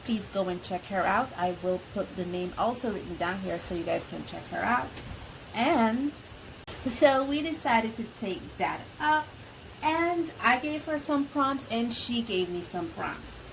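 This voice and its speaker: A woman's voice: a little high, expressive, unhurried, gravelly, poor audio. Sniffly woman chatting over rain noise. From Belize. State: sniffly from allergies. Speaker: art channel host. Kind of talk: casual art vlog chat. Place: at home near a highway, rain on the house. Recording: home recording with rain and ambient noise. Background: rain, outdoor ambience.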